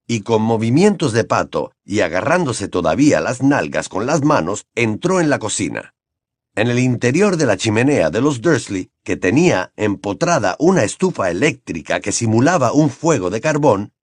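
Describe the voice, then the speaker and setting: Expressive male audiobook narrator. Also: medium pitch, normal speed, no echo, clean studio sound. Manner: expressive, jumps into character voices. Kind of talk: scripted narration.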